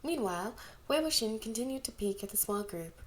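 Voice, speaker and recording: In a lively, fairly quick voice pitched on the high side, a woman narrates a fan fiction story as an amateur audiobook reader. The narration is scripted, and she gives the characters distinct voices, acting out the dialogue with expression.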